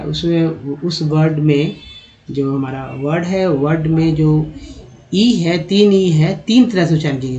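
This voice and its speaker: A man with a fairly high voice teaches English reading step by step, spelling out letters and repeating each word patiently. He talks to viewers as friends and fills pauses with hesitations. The recording sounds dull and muffled. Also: a little mellow. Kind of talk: spoken lesson on reading English words.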